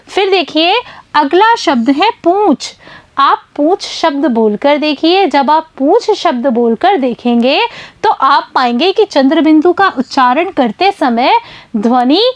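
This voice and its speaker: Lady teacher, high voice, real unhurried, patient explaining to kids. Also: muffled recording. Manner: slow, patient explaining to children. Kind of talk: online class lesson.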